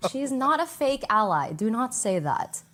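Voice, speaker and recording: A woman's voice: fairly high pitch, sing-song, measured pace, a bit bright. Hesitant woman defending a friend. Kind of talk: streamed chat.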